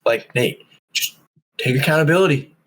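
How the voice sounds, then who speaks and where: A young man with a slightly high voice talks on a casual podcast. He tells his stories with energy and acts out the lines of the people in them, in a loose, conversational way. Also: moderate pace, rough recording. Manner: animated storytelling, acting out quotes. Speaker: podcast co-host. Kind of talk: casual chat.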